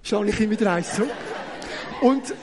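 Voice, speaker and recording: High-voiced Swiss preacher, animated and joking. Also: male voice, normal speed, some chatter behind, a little hiss or hum. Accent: Swiss German. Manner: animated, joking, often tags questions with "oder?". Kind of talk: lively sermon with audience demonstration.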